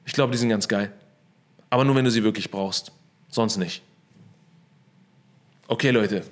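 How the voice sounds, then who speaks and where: A man's voice: on the low side, a little slow. A young man hosting a casual motivational talk from his apartment into a studio microphone, upbeat, with English phrases mixed into his speech. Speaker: host.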